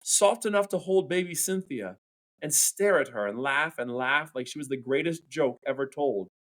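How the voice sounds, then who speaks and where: A male English teacher reading a novel chapter aloud to his class in an animated storytelling manner, acting out the dialogue. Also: fairly high pitch, moderate pace.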